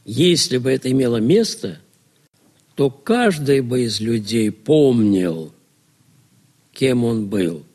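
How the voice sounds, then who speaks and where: A man's voice: medium pitch, lively intonation, takes it slowly, long pauses, darkish tone. A man lecturing to students on religion, asking rhetorical questions and answering them himself.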